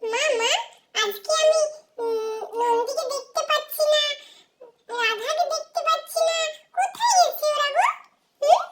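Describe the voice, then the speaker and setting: A woman's voice: very high voice, lively intonation, unhurried, noisy background, voice pushed up. A woman voicing a small cheeky boy in a playful home role-play, babyish, giggly and clingy with his mother. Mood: curious. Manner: babyish, giggly, calling out and teasing.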